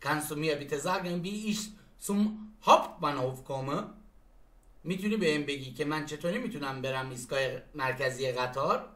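A man teaching German phrases, who explains each one and repeats the German sentences slowly. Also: on the high side, bright, forceful tone, roomy sound. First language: Persian. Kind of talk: language lesson.

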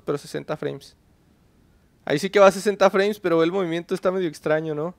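A man's voice: a little high, vocal fry, no echo. A man chatting casually to viewers while playing a game, talking to himself and to creatures on screen. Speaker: gaming channel host. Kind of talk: casual gameplay commentary.

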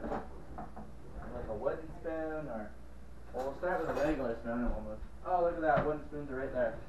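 A man's voice: mid-range voice, moderate pace, echoey room, distant mic, background noise. A drunk man in his twenties giving a loose, rambling, casual cooking demonstration and swearing as he goes, on a camera in a home kitchen. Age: 20s. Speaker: vlogger. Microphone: handheld camera, later set across the room.

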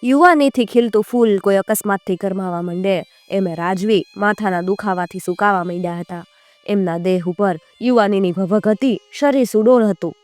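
A woman's voice: medium pitch, no room sound. Woman telling a folk tale. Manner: measured, expressive storytelling. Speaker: storyteller. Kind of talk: scripted folk tale narration.

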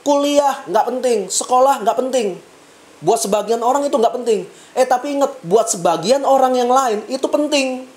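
A woman vlogger telling a story in a casual, slangy monologue, dropping to low asides and rising into emphatic bursts. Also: normal speed, a little mellow. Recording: echoey room.

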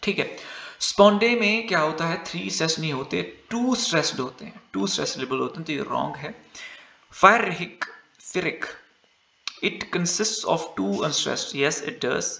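Echoey teacher, going over exam answers. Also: male voice, on the high side, lively intonation, measured pace, vocal fry, sharp tone. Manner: mixes Hindi and English, repeats answers aloud. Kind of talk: lecture walking through exam answers.

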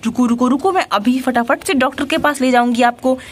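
Woman narrator for a toy play story, high-pitched, animated and exclamatory. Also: a little fast, breathy edge. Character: caring big sister rescuing animals.

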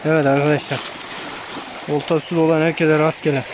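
A man narrating his fishing trip outdoors on a stream bank in a calm, casual way, giving tips to viewers while filming first-person. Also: a little high, brisk, background noise. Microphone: handheld camera filming first-person.

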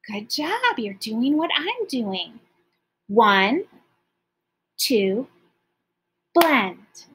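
A woman teacher leading a young class in a warm-up, speaking in a sing-song, encouraging way. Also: high-pitched, slightly rough, rough recording. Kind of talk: early-grade classroom lesson.

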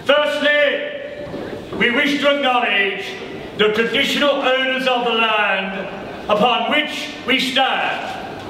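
An Australian town crier in his seventies calls out a grand, theatrical proclamation. His voice is very high and bright, with each word drawn out ceremonially. It rings from a distance in a very echoey hall. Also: slow. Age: 70s. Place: public ceremonies in a large hall and on stone steps. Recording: echoey hall from far off, faint noise.

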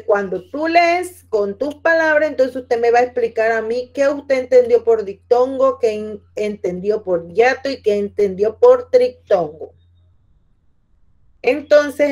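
A woman teacher with a fairly high, slightly mellow voice gives her class patient instructions. She repeats each point and addresses students by name. The audio is dull and lo-fi.

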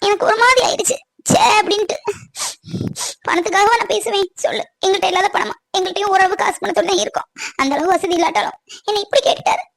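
A hurt, gentle young woman in a cartoon, voiced by a woman, pleading and sorrowful. Her voice rides high and thin, close to crying. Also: steady tone, fast, no echo. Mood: tearful. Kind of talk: cartoon voice acting.

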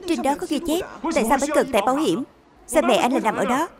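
A woman voicing a worried young husband and son in an even, plain dubbed reading. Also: high voice, quick pace, a crowd in the background. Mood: exasperated.

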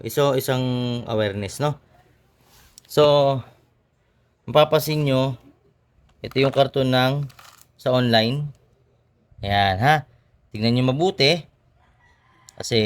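A man hosting his own channel, showing motorcycle parts in a casual how-to demonstration with frequent tag questions and pauses. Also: medium pitch. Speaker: motorcycle mechanic and channel host.

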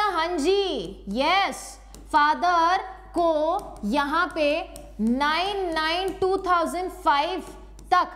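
A woman teaching a revision class on law online. She mixes in English legal terms and keeps asking her students quick check questions. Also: sits high.

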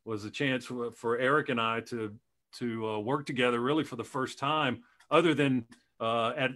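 A middle-aged man who calls games on the radio, chatting on a video call. He rambles through stories at an ordinary pitch, restarting his sentences often. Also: fairly even intonation, normal speed, sharp tone. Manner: rambling, with many restarts and laughs. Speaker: radio play-by-play announcer. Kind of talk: casual chat on a video call.

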